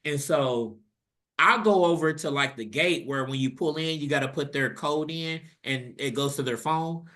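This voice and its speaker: A young man on a casual podcast tells a story, cursing freely and jumping his voice up high whenever he quotes someone. His tone is bright and forceful, and it sits a little higher than most men's. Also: normal speed. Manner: animated, profane, acts out quotes with rising pitch. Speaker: podcast co-host.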